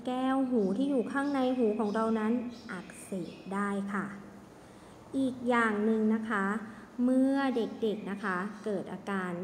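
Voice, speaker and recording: A woman teaching young children in an online lesson, speaking in a gentle, sing-song way. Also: on the high side, normal speed, slight background noise. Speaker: kindergarten teacher. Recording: echoey room with long reverb, faint ambience.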